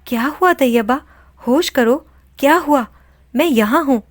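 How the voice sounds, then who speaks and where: A woman's voice: sits high, dry recording, studio quality, voice pushed up, natural voice. Woman reading as a baffled, pleading husband. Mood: alarmed. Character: bewildered husband, a worried young-to-middle-aged man.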